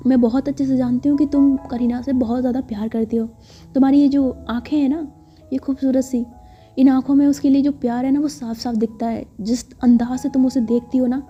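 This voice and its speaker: A woman's voice: high voice, warm tone, lightly acted. Woman voicing a bossy teasing best friend. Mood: pressing. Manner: teasing, insistent, scolding. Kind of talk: storytelling voice acting. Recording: dull lo-fi recording with faint music.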